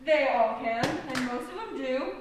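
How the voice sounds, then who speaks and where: A woman's voice: high voice, lively intonation, unhurried, noisy background. Woman playing a bossy, rude duchess. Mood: brusque. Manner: brusque, bossy and loud. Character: rude, bossy noblewoman, loud and brusque. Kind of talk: stage play acting. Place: school stage in an auditorium. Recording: echoey hall from far off.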